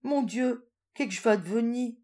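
A woman performs an anxious, stubborn old peasant woman in a spoken storybook. She talks in broad rustic country dialect. Her voice rises high and loud whenever she is alarmed. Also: expressive, normal speed, slightly rough.

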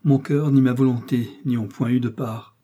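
A man's voice: mid-range voice, fairly even intonation, normal speed, warm tone, slightly rough, lightly acted. Man doing a desperate guilt-ridden man. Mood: anguished. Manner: pleading, anguished. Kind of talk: audiobook reading.

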